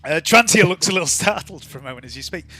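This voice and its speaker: A man running a tabletop game as game master, narrating in measured, dramatic phrases with deliberate repetition. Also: a little high, expressive, pushed and bright, no echo. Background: faint music.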